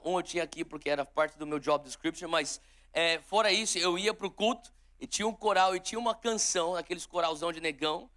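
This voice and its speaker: A man's voice: sits high, pushed and bright. A man in his forties from São Paulo with a São Paulo Brazilian Portuguese accent, preaching a live sermon and leading prayer with fervent exhortations and frequent restarts. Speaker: pastor. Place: large church auditorium with live audience.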